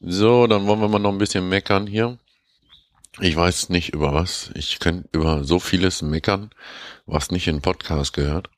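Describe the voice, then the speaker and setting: A man hosting a podcast, reading a story aloud and then grumbling about things in a relaxed, rambling way. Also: sits low, moderate pace, no echo. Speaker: podcast host.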